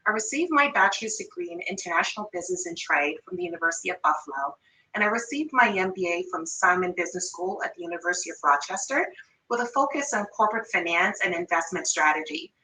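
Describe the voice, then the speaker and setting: A woman in her thirties from Jamaica, with a light Jamaican accent carrying Toronto and New York influence, gives an upbeat online workshop on pay as a finance manager. Her lowish voice is sharp, fast and lively in intonation. The rough recording sounds reverberant, with a distant mic.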